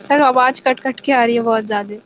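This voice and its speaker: A woman student calls in over an online line whose audio keeps glitching and dropping out. Her voice sits a little high and barely moves, polite and even. The sound is dull and lo-fi, with a faint hiss of noise behind it. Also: fairly quick. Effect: choppy, glitchy online call audio that keeps cutting out. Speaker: student caller.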